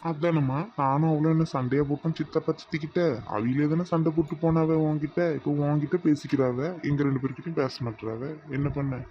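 Guy doing a soothing cartoon husband, slightly high voice, muffled lo-fi sound. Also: steady tone, brisk, hardly any pauses, a little hiss or hum, lightly acted. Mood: placating. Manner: placating, soothing. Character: mild husband caught between wife and mother.

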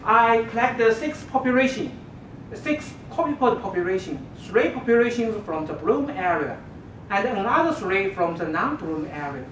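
A woman giving an academic thesis defense presentation, explaining step by step in a halting way. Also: expressive. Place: dark lecture room with projection screen. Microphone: distant camera microphone. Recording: distant, echoey room recording with rumbling noise.

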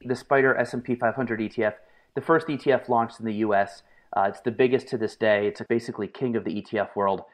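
A man being interviewed on a podcast, answering in long, lively stories with frequent fillers. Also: lowish voice, fast talker. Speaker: guest, market analyst and author.

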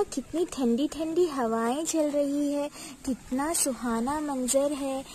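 A woman's voice: sits high, a little mellow, slight background noise. A woman voicing a brave, cheerful young daughter in a doll cartoon, chatty and full of exclamations. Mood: carefree.

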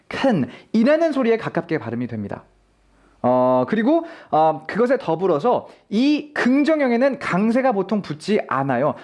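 Lively-voiced male English teacher. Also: high voice. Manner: explaining clearly, addressing viewers. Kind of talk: online pronunciation lesson.

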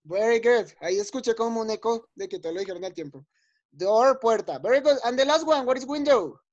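A male schoolteacher runs a class for young kids over a video call. He speaks patiently and encouragingly, saying words over and over and pausing to check that everyone follows. The sound is dull and lo-fi, as from a laptop microphone. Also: very high-pitched, lively intonation. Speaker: teacher. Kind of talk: online class for young children.

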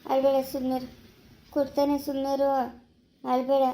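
A woman's voice: sits high, completely flat delivery, moderate pace, warm tone, a little hiss or hum, rough recording. A woman playing a caring village aunt who soothes and scolds, repeating warnings, in an amateur family drama.

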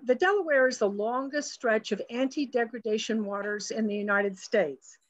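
A woman's voice: a little high, no echo. A woman presenting a virtual slideshow lecture, talking earnestly with frequent fillers and restarts over a video call. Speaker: conservation presenter. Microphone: webcam or computer mic on a video call. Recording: dull, dry video-call audio.

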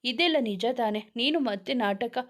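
A woman's voice: a little high, moderate pace, lightly acted. A woman reading the lines of an emotional young woman in love in a romance story, speaking in a heartfelt way. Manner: heartfelt, tearful pleading.

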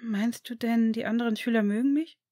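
A woman voicing a cheerful, protective young boy in a storybook reading, bright and chatty. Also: on the high side, steady tone, fairly quick, dry recording, studio quality, voice pushed up, natural voice. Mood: unsure.

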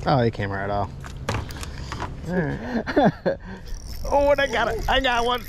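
A man hosting a fishing trip on a small boat, chatting casually, excitable and swearing freely. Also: sits high, a little slow. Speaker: angler host. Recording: outdoor boat and water noise.

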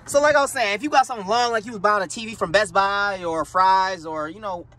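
A man's voice: sits high, quick pace, sharp tone, poor audio. A man giving a casual, slangy and profane walkaround of a car, talking straight to his viewers while filming outdoors on a handheld phone. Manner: slangy, loose and profane, addresses viewers directly. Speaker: car vlogger. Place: outdoors beside a parked car. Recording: outdoor wind noise on the mic.

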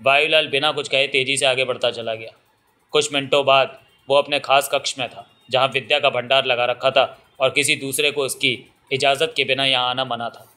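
Bright-voiced male audiobook narrator. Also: medium pitch, fairly even intonation, normal speed.

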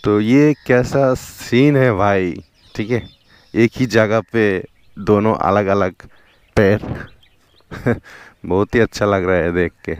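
A young man's fairly low, clean-toned voice comes through slowly, with frequent pauses, as he motovlogs along a riverbank in West Bengal, India. Bengali is his first language and colors his accent; he's chatty, leaning on "dekho" and "theek hai," recorded by a helmet- or chest-mounted action camera.

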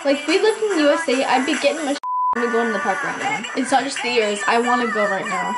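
A woman's voice: a little high, lively intonation, fast, low-quality recording. A woman in her twenties chatting casually in a giggly drunk, rambling way, with exclamations, close to a camera in a bedroom. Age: 20s. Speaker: vlogger hosting a makeup challenge. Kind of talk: casual chat. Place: small bedroom, indoors. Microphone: camera at about arm's length. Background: music playing.

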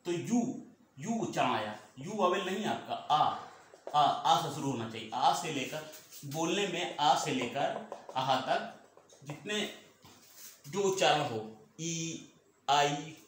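Male teacher, fairly high lively voice, drills points by repeating them, recorded in a very echoey room with faint noise. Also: slow, long pauses. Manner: repeats points, asks and answers own questions. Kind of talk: classroom lesson.

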